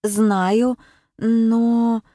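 A woman's voice: fairly high pitch, level tone, extremely slow, warm tone, dry recording, clean studio sound. A woman voicing a jumpy young girl. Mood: frightened. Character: frightened, impulsive young girl. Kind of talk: audiobook character reading.

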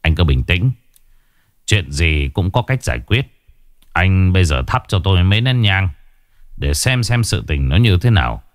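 A man playing a grim one-eyed exorcist in a ghost story, speaking low and stern with a reproachful edge. His delivery rises and falls with feeling, recorded close and dry. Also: big pitch swings, moderate pace, no echo. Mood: calm commanding. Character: stern one-eyed male exorcist master, older, gruff.

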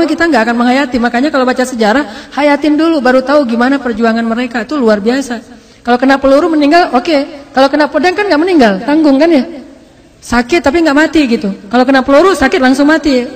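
A man preaching as an Islamic teacher, telling a story in an animated, conversational way and acting out quotes. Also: very high-pitched. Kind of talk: storytelling sermon. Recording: long hall reverb.

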